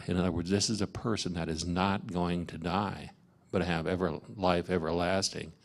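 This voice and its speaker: Low, slow-speaking man leading a Bible study; halting, filler-heavy delivery. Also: a little mellow. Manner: halting, many fillers and restarts. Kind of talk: informal Bible study teaching. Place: parish meeting room.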